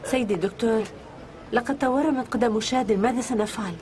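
Casual: lady voicing a nurse, fast and reassuring, chatter in back. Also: fairly high pitch, lightly acted. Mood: dutiful. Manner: brisk, reassuring. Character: hospital nurse, kind and efficient. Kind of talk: dubbed TV drama acting.

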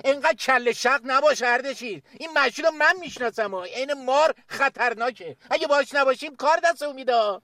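A nervous business partner in a TV drama, with a very high, bright voice. He warns anxiously, and the sound is dry and close. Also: animated, hardly any pauses, dry recording, exaggerated voice. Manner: anxious, warning, urging. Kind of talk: TV drama acting.

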